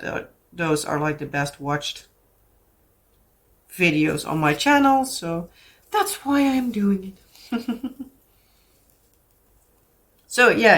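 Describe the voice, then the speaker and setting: This craft vlogger from the Netherlands has a lowish, fairly bright voice and a Dutch accent. Talking casually to camera, she's chatty and meandering, often restarting and using fillers.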